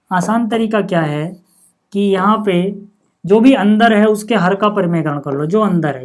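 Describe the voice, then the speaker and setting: A man teaching maths in a steady, patient way, breaking each calculation into small steps. He keeps asking the class what comes next and then answers himself. He often pauses to check in before moving on. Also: high-pitched. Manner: patient, asks the class rhetorical questions then answers them; frequent checking-in with "okay" and "see". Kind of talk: step-by-step blackboard-style maths lesson.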